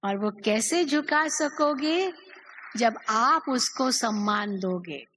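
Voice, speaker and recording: A woman's voice: on the high side, expressive, slow, sharp tone, slight background noise, poor audio. A woman teaching a spiritual class, asking her listeners many questions and acting out the quoted speech.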